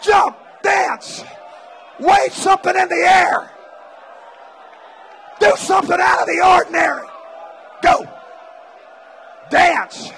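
Man, preacher, very high voice, bright and forceful, shouting, revival meeting, crowd noise behind. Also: takes it slowly, pauses often. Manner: repetitive exhortations, speaking in tongues. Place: large church meeting.

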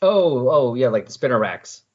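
Over muffled, lo-fi audio, a man chats eagerly and casually about comic books as if guesting on a podcast. He speaks at a moderate pace in a medium-pitched voice with big swings in pitch.

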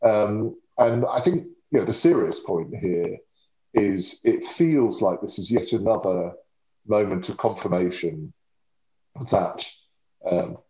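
Deep-voiced Englishman with home counties accent. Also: lively intonation, takes it slowly, warm tone. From Surrey, England. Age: 50s. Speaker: interview guest, lobbying and communications professional. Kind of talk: conversational interview commentary. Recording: echoey room sound.

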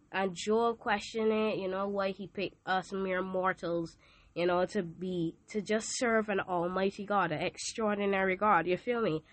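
In a hot room with a fan going, a teen girl with a Barbadian accent and a cold-induced nasal voice hosts a relaxed devotional podcast. Her mid-range voice has a fairly bright tone on a dry recording, and she keeps things chatty and playful with questions for listeners.

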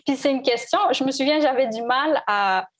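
This thirtysomething Canadian violinist, a guest in a conversational interview, has a high-sitting voice and keeps a moderate pace. She muses thoughtfully but haltingly, with frequent restarts.

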